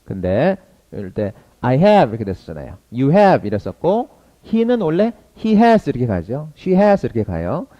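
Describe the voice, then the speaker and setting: Brisk, lively Korean English-lesson man. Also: medium pitch, highs cut off. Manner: lively, brisk drilling with slowed model sentences. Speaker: English teacher.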